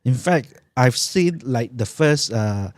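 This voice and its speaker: A man's voice: mid-range voice, animated, slow, a little mellow. A Malaysian man hosting a podcast, chatting casually in Malaysian English slang with particles like lah and meh. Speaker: podcast host. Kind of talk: casual chat.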